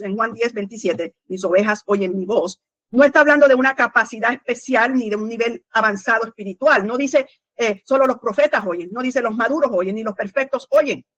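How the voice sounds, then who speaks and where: A woman's voice: fairly high pitch, a bit bright, no room sound, muffled recording. A woman preaching a sermon in an earnest teaching tone, asking her listeners questions and often saying "amen". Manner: frequent "amén" and rhetorical questions to the congregation; earnest teaching tone with small restarts.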